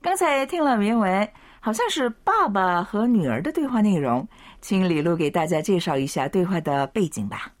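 A woman teaching Korean in a bilingual lesson, speaking slowly and deliberately with a teacherly tone. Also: mid-range voice. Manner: slow, deliberate, lively teacherly intonation.

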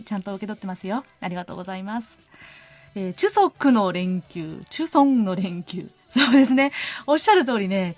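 A woman's voice: sits high, no room sound. Chatty woman radio host, dry studio sound. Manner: friendly, chatty, uses many fillers. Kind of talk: casual radio chat, reading listener letters.

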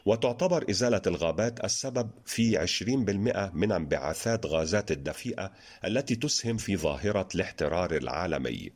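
Deep, husky-voiced radio host. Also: male voice, expressive, quick pace. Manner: reads in a formal standard register. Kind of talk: reading listener letters on a radio show.

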